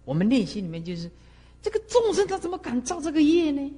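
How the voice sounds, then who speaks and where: A man's voice: very high voice, wildly swooping pitch, fast, mellow. A man, a Buddhist monk giving a sermon, who scolds and fires off rhetorical questions. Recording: long hall reverb.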